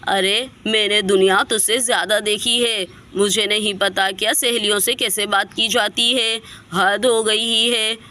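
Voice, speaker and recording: A woman's voice: mid-range voice, fairly even intonation, unhurried, hardly any pauses, bright, forceful tone. A woman voicing a suspicious, scolding older mother-in-law in a doll story. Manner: scolding, bossy. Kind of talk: storybook voice acting for a doll video.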